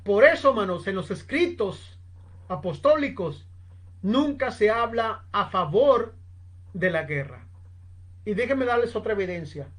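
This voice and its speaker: A woman preaching a sermon, telling a story slowly and with emphasis, constantly addressing her listeners as brothers. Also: medium pitch, lively intonation. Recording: online seminar recording.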